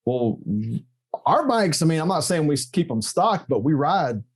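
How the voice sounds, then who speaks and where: A man, a podcast guest chatting casually, joking and telling stories with emphatic rises in pitch. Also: normal speed. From Texas. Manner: animated, joking storyteller with emphatic pitch jumps. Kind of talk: casual interview chat.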